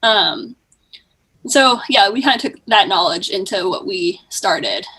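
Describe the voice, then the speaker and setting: A co-founder of a music company chats informally as a podcast guest, slangy and dropping "like" all the way through. Her medium-pitched voice has lively intonation and an unhurried pace, bright and forceful but slightly rough. The audio quality is poor.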